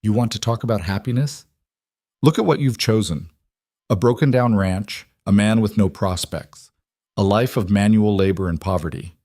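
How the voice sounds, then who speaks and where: Cold disdainful tycoon father, sixty, voiced by a male narrator, low and dry. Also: moderate pace, a little mellow, dry recording. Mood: scornful. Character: cold wealthy Italian-born father, about sixty. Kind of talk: audiobook character voice.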